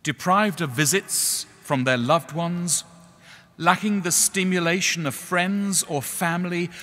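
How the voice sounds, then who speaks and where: A middle-aged man preaching a sermon in a measured, earnest way, pausing slowly on key words. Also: high-pitched, fairly bright tone. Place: church. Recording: echoey church hall.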